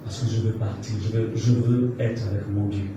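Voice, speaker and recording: A pastor in his fifties preaches a sermon in a church hall, leading call-and-response and emphatically repeating phrases for the congregation to echo. His voice sits on the low side, with fairly even intonation and a fairly quick pace. The recording is muffled and echoey with a distant mic and heavy background noise.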